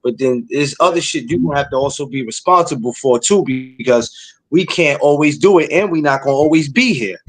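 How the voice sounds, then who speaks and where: Blunt streetwise podcast host. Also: male voice, medium pitch, fairly quick. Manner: blunt, preachy, streetwise slang. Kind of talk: casual podcast chat.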